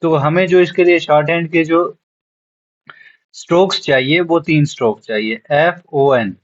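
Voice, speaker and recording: In this classroom lesson for beginners, a man speaking at normal speed in a higher-leaning voice spells out words one letter at a time and repeats them patiently. He is a shorthand teacher, and the highs are cut off in the audio.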